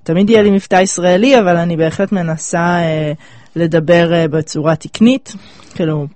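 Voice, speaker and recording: Casting: Israeli woman in her twenties, close dry sound, casual, thoughtful pauses. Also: fairly low pitch, fairly even intonation, mellow, no room sound. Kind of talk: casual chat.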